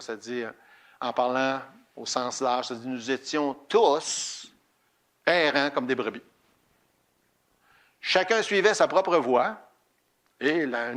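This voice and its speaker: A man's voice: medium pitch, a bit bright. A man preaching a sermon in a church, in a plain conversational way with fillers. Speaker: pastor.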